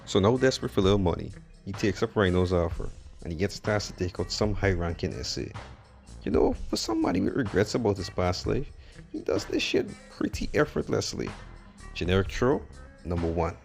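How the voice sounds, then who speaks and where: A man with a low, gravelly voice rolls through a film recap, blunt and mocking, dropping slang as he goes. Faint music sits beneath his commentary. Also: big pitch swings, a little fast. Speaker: movie reviewer. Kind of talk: sarcastic movie review commentary.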